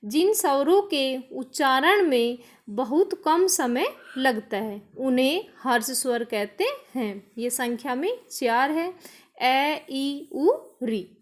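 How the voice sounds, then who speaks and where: A woman's voice: high voice, lively intonation, slow. A woman teacher giving a grammar lesson, explaining step by step, restating each definition and answering her own questions. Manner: asks a question, then answers it herself. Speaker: school teacher.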